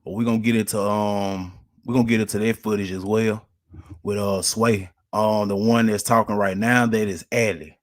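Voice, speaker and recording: A man's voice: lowish voice, fairly even intonation, moderate pace. A man giving casual online news commentary, hesitant with many fillers.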